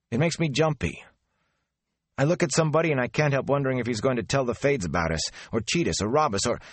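A man voicing a jumpy, anxious young villager in an audiobook, talking tense and quick. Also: on the low side, breathy edge, no echo, pitched above the performer's own voice.

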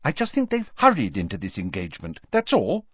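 A man's voice: fairly low pitch, huge pitch swings, a little fast, husky, no echo, exaggerated voice. A man voicing a cross, fussy middle-aged mother who talks in clipped, flustered bursts. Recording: dull lo-fi audiobook recording.

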